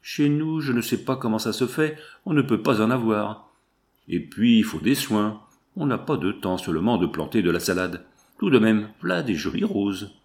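A man voicing a middle-aged farmer who complains slowly and plaintively. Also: on the low side, expressive. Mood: chatty.

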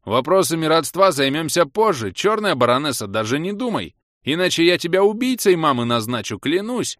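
A man voicing a brash, hot-tempered young father who talks loudly and excitedly. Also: medium pitch, brisk, no room sound, clean studio sound, pitched above the performer's own voice. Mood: blustering. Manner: loud, blustering, excited.

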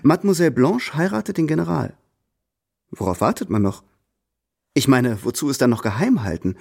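Radio drama: proud young tutor, composed and steady, middle voice. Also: male voice, medium pitch, creaky, husky, heavily acted. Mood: defiant. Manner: measured, cool and composed. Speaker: first-person narrator and protagonist.

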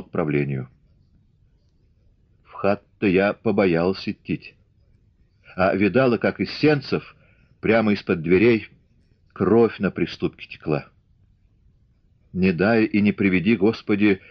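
A man's voice: deep voice, dry recording. Man voicing a frightened, rambling village woman. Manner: rambling, faltering, folksy storytelling. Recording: dull lo-fi audiobook recording.

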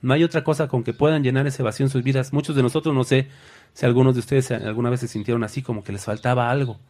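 Male preacher, sermon, mid-pitched voice, calls listeners brothers, bursts into loud cries. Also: fairly even intonation, fast talker. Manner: acts out Bible figures with sudden loud cries.

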